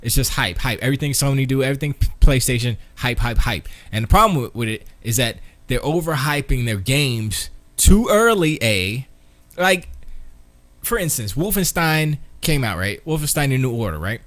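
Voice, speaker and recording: A man's voice: mid-range voice, expressive, normal speed, fairly bright tone, no room sound. A man co-hosting a casual gaming stream, slangy and playfully trash-talking. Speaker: stream co-host.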